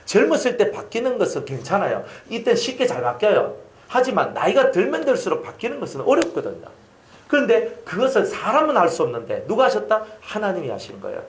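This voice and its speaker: A man's voice: high voice, huge pitch swings, a little fast, echoey room. A man, preaching a sermon as a pastor and telling a personal story with emphasis.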